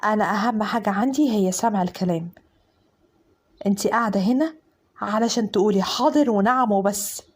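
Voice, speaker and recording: A woman's voice: mid-range voice, slightly rough, voice pushed down, natural voice. A woman voicing a stern commanding husband. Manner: slow, firm, laying down orders. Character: stern domineering Upper Egyptian husband, cold and commanding.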